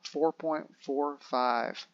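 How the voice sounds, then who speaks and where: A man's voice: a little high, drawn-out words, gravelly, dry recording, lo-fi sound. A man who works as a realtor, giving a casual market update and walking through the figures step by step, correcting himself as he goes. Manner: conversational, explains figures step by step, self-corrects.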